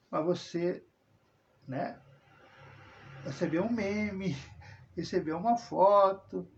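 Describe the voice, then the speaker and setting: Recorded in dull lo-fi sound with a little hiss or hum, a man from southern Brazil speaks in a high-pitched, creaky voice. As a religious video host, he rambles through a casual personal monologue loaded with tag questions and self-corrections.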